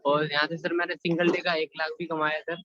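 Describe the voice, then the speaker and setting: A man's voice: fairly high pitch, level tone, fairly quick, sharp tone, lo-fi sound. A 19-year-old man speaking politely over an online call whose connection keeps breaking up. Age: teens (19). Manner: polite, says "sir" often. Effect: heard over an online call with a breaking connection. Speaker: caller sharing his business results.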